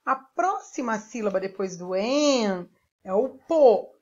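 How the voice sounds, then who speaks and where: A woman's voice: fairly high pitch, lively intonation, slow pace, a little mellow. A Brazilian woman teacher giving a primary school lesson, patiently spelling out sounds and syllables one by one. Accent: Brazilian Portuguese. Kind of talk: remote classroom lesson. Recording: dull lo-fi recording.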